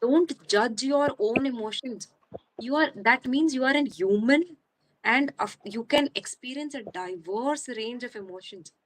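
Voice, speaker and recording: A woman, talking earnestly in a casual chat, giving slow, deliberate advice in a mix of Hindi and English. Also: fairly high pitch, a little hiss or hum, low-quality recording. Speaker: guest speaker on spirituality.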